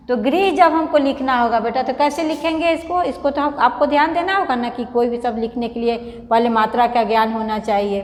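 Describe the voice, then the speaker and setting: A woman teaching young children a grammar lesson, patiently repeating each word slowly for them to read aloud and coaxing them along. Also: high voice, big-room sound. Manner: calls the children beta, coaxing. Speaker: primary school teacher.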